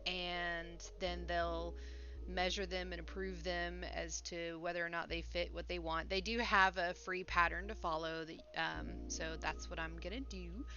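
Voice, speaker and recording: A woman's voice: lowish voice, flat delivery, measured pace, bright, forceful tone. A woman chatting casually as a crochet livestream host, talking a little funny through sinus congestion and a sore, swollen mouth. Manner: slightly impeded speech from a swollen, sore mouth. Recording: dull, lo-fi sound with faint music.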